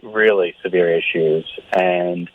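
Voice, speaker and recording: A young man heard over a telephone line, talking in a hesitant, nervous, halting way. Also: low voice, steady tone, slight background noise. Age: young adult. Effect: heard over a phone line. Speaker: guest called on the radio show. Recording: tinny phone line.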